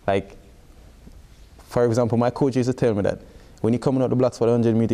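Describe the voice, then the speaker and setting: Jamaican guy in his 20s, lowish dark voice, athlete explaining stuff casually, says like a lot. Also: clear, resonant tone. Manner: explains with frequent "like" as filler. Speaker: athlete being interviewed. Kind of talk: casual interview talk.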